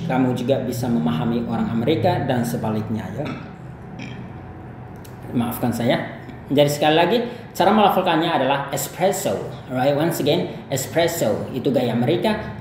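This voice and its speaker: A man from Indonesia giving a casual pronunciation lesson, slowly repeating words to model them and dropping in English fillers. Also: medium pitch. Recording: very echoey room, faint noise.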